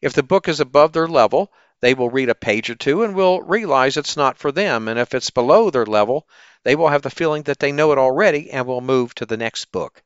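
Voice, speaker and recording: A man speaking as a teacher and podcast host in an animated, upbeat, salesy presenting style, often posing questions to the listener. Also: mid-range voice, brisk, clean tone, dry recording, highs cut off. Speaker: teacher hosting an education podcast. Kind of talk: upbeat promotional ad pitch.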